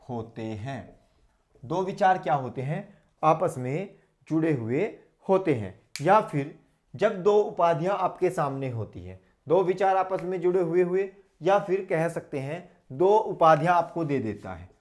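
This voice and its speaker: A man with a fairly high voice teaches a grammar class for exam students, speaking with a North Indian Hindi accent. He repeats each key term several times and stops to ask whether the point is clear. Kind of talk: exam-prep grammar lesson.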